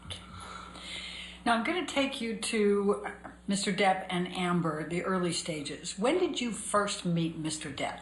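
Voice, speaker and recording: A woman's voice: mid-range voice, animated. Woman attorney in an echoey courtroom recording. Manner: brisk, businesslike questioning. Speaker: trial attorney. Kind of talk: courtroom questioning.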